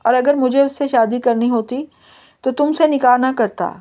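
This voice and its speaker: Teasing stubborn young husband, woman reading him, soft mellow voice, bit lo-fi. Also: sits high, fairly even intonation, normal speed, natural voice. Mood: irritated.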